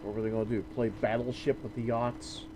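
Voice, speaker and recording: A man's voice: mid-range voice, little pitch movement, a little fast, background noise. A man streaming a game, chatting casually in a wry, joking way with restarts and trailing sentences. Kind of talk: casual chat while gaming.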